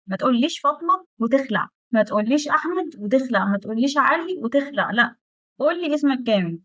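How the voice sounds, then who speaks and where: A woman in her twenties with an Egyptian Arabic accent, giving a casual, chatty German lesson and slowing right down to spell out the German phrases. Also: a little high, a bit bright, no room sound. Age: 20s. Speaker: German teacher.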